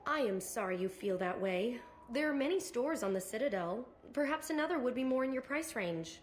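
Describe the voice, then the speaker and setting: A woman's voice: on the high side, expressive, fairly quick, slight background noise, close to an everyday voice. Give me a woman as a fretful, placating shopkeeper. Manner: apologetic, placating. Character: nervous polite female shopkeeper.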